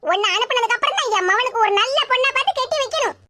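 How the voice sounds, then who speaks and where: Woman, very high bright voice, rapid scolding comic drama delivery. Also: expressive, background noise. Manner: scolding, rapid village Tamil talk. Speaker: actor voicing several village women. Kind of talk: comic family drama dialogue.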